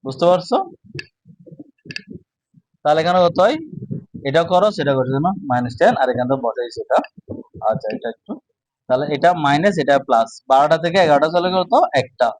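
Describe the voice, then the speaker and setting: Slow man teaching math. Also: fairly high pitch, expressive, no echo, poor audio. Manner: slow, repetitive, asks and answers own questions. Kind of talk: casual classroom lesson.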